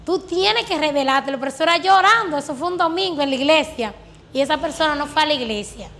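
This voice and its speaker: A woman's voice: high voice, quick pace, fairly bright tone, a little hiss or hum. A woman earnestly telling her religious testimony as a guest, recounting prayers and answers with fervent conviction. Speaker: guest giving a faith testimony.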